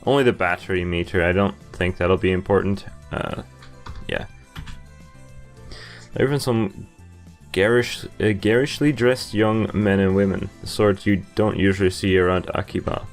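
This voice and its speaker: Game music plays as a young adult man in an indoor room reads a visual novel aloud over a headset, adding casual comments. He speaks at a normal pace in a voice that sits low.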